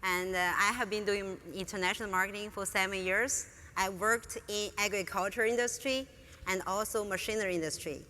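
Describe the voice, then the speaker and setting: A woman's voice: medium pitch, fairly even intonation, fairly quick, pushed and bright. A woman from northern China with a Chinese accent, answering interview questions on stage eagerly. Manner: eager, non-native phrasing. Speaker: student guest. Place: large conference hall. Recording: reverberant hall, faint room noise.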